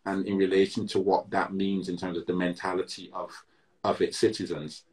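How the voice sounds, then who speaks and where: A man's voice: sits low, level tone, fairly quick, a crowd in the background. A man from Britain with Barbadian roots, speaking in a reflective interview over a video call, with frequent restarts and "you know" fillers. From Britain, Barbadian heritage. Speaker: interview guest, musician. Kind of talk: reflective conversation. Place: indoor room at home.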